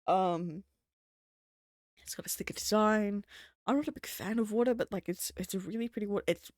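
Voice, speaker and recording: A woman's voice: mid-range voice, a little fast, a little mellow, no echo, clean studio sound. A young adult woman streaming, chatting casually in a rambling, profane way, full of fillers. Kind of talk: casual livestream chat.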